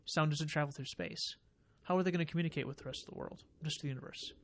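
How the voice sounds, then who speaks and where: A man's voice: a little high, quick pace, a bit bright. A man co-hosting a casual podcast, speculating at length and explaining his ideas with fillers. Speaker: podcast co-host. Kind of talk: casual chat.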